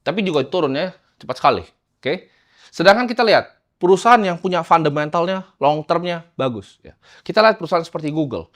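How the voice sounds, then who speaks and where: Man, fairly high voice, casual investing teacher, chops lines into short bursts. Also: expressive, fast, fairly bright tone. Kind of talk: casual lecture over slides.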